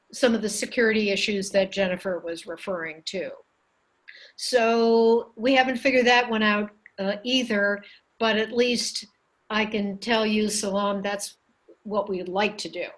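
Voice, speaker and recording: A woman panelist speaking hesitantly, pausing on many fillers. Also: mid-range voice, fairly bright tone.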